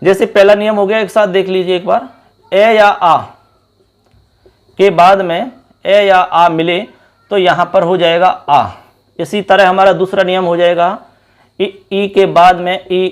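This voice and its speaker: A man's voice: high-pitched, steady tone, measured pace. A man teaching a Sanskrit grammar class at a board. He explains step by step, repeats key terms and calls his viewers friends.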